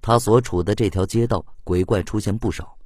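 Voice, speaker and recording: A man narrating an audiobook with an expressive storytelling delivery. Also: fairly low pitch, a little fast, no echo, clean studio sound.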